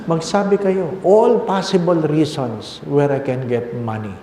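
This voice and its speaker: An older Filipino priest in his sixties preaches a personal testimony in a Filipino accent, his fairly high voice animated but unhurried. He moves between Tagalog and English and repeats phrases for emphasis. The recording comes from an echoey hall with long reverb and a noisy background.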